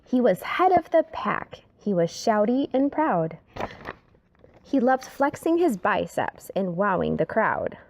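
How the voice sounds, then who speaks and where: A woman reads a rhyming children's story with expressive, dramatic flair, occasionally sinking to a hush. Her voice is medium-pitched with some vocal fry, and she reads slowly.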